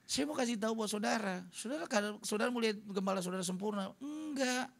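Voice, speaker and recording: In a church hall, a pastor with a high, gravelly voice preaches a humorous sermon at a quick pace. He tells stories, cracks jokes and acts out what other people said.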